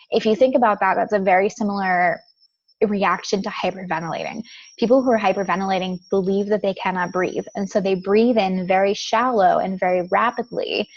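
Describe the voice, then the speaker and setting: A woman's voice: medium pitch, lo-fi sound. A woman giving a spiritual teaching talk as a manifestation coach, earnest and repetitive. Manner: earnest, repetitive, occasional light laughs.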